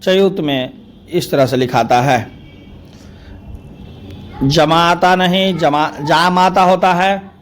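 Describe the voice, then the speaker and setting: In a steady, repetitive drill, a male teacher with a fairly high voice goes through spelling corrections word by word at a measured pace, giving each wrong form and then the correct one.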